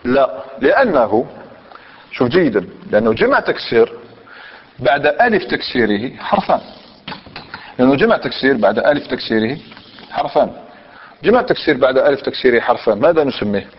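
A man's voice: medium pitch, very animated, fairly quick, pauses often, breathy edge. A man teaching a grammar lesson, questioning his class and repeating their answers. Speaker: Islamic scholar teaching Arabic grammar. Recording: dull lo-fi recording in a reverberant hall.

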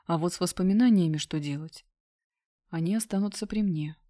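A woman narrating a first-person story in a steady, subdued reading voice. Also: on the low side, a little fast. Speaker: audiobook narrator.

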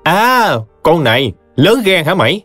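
A scheming stepmother from a spoken storybook, put on by a man, shrill and defiant. Her voice leaps up and down, sounding dry and close with soft music underneath. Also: sing-song, a little fast, dry recording. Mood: shrieking. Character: scheming shrill middle-aged stepmother, woman.

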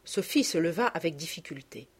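A woman narrating a classic children's story in a calm, measured reading voice. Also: low voice, breathy edge.

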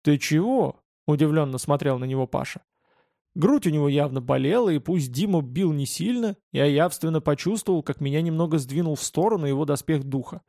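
A man narrating a first-person fantasy audiobook in a calm, steady reading voice. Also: on the high side, brisk, vocal fry, dry recording, clean studio sound.

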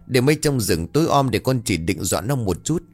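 A man's voice: mid-range voice, animated, a little fast, no echo, lightly acted. Guilty young guy pleading with his dad, stammers, voice goes up, man putting it on.

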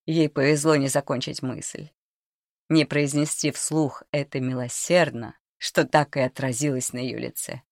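A woman narrating a dark novel in a quiet, tense reading voice. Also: very deep voice, steady tone, moderate pace, creaky, few pauses, dry recording, studio quality. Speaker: audiobook narrator. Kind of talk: scripted narration.

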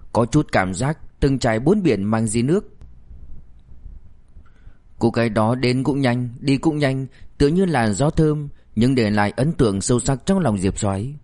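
Male audiobook narrator; even, steady reading at middle pitch. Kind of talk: scripted novel narration.

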